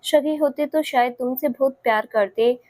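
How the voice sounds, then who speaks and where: A woman's voice: sits high, normal speed, a little mellow, no echo, natural voice. A woman voicing a spiteful scheming aunt in a spoken story, with a sly, taunting manner.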